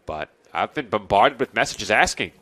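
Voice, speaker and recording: A congested man calling a college baseball game play by play, chatting and joking with his partner between pitches. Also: sing-song, moderate pace, fairly bright tone, dry recording. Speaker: play-by-play announcer.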